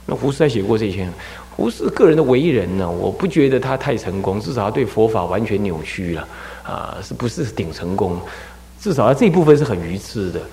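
A man, a Buddhist abbot, giving a dharma talk as animated storytelling, often repeating words while he finds them. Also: fairly low pitch, fairly quick, in a large hall, slight background noise.

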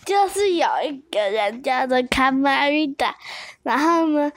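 High-voiced young girl telling a story. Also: dry recording. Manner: simple, step-by-step phrasing. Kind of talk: casual improvised storytelling.

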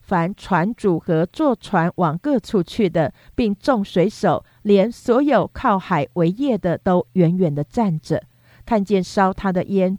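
A woman reading scripture aloud in a steady, measured, unhurried way. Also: mid-range voice, dry recording. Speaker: scripture reader.

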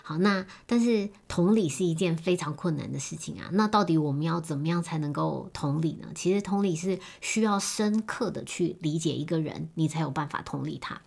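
A woman giving a gentle, explanatory self-help talk on relationships, with many fillers and soft trailing endings. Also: low-pitched, fairly quick, vocal fry, hardly any pauses. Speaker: speaker on relationships.

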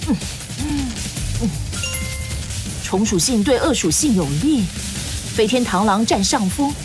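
A woman's voice: on the high side, animated, measured pace. A woman voicing an earnest young boy trainer who thinks his moves through aloud, in a cartoon dub. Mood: determined. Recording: music behind, cartoon dub.

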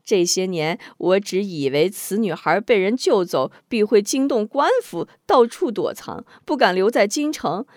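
A woman reading a story, voicing a bold, sharp-tongued woman outlaw who talks back with fierce defiance. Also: lively intonation, measured pace, few pauses, no echo, studio quality, natural voice. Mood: defiant. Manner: shrill, struggling, self-mocking laughter.

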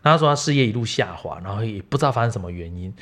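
A man, hosting a podcast and telling lively stories from his massage practice. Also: fairly low pitch, very fast. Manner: lively anecdotal storyteller. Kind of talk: casual storytelling chat.

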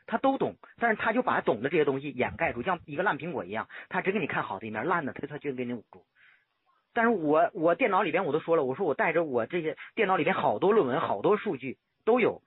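Caller: rapid, husky man on a landline phone, lecturing and insistent. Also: a little high, big pitch swings. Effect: heard over a landline phone line. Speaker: caller seeking help. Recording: tinny phone line, husky.

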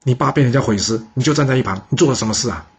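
A man's voice: medium pitch, racing, husky, lo-fi sound, voice pushed up. A man voicing a humiliated minister who snaps back in anger. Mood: angry. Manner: irritated, accusing. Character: angry humiliated court minister, male.

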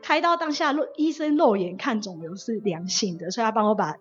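A young woman from Taiwan, a nurse telling her testimony as a guest in an animated way and acting out the words of the people she quotes. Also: mid-range voice, fast, breathy edge. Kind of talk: personal testimony storytelling. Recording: dull lo-fi audio with faint music.

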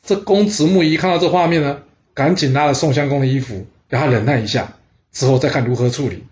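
A man telling a historical story in a lively, chatty way, with exclamations along the way. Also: mid-range voice, quick pace. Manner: lively, with interjections. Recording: dull lo-fi recording.

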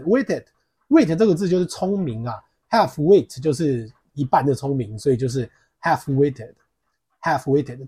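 A man teaches English pronunciation on his podcast, drilling words by repeating them slowly. His voice sits a bit high for a man, yet sounds husky and mellow. Between the drills he explains things in a lively, joking way. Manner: lively, jokey aside. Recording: podcast mic.

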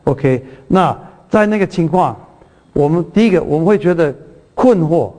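Middle-aged pastor guy, earnest, repeats himself, kinda high voice. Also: lively intonation, darkish tone. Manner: earnest, repeats words, halting restarts. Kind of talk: sermon lesson.

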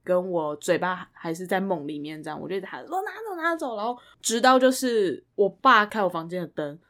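A woman's voice: lowish voice, a little fast, fairly bright tone. A woman, co-hosting a podcast, animatedly telling a story in casual chat and often laughing as she talks. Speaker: podcast co-host.

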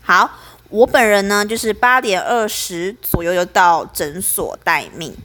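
A woman's voice: medium pitch, measured pace, a bit bright, a little hiss or hum. A young woman, telling a story as a podcast host in a chatty, aggrieved way.

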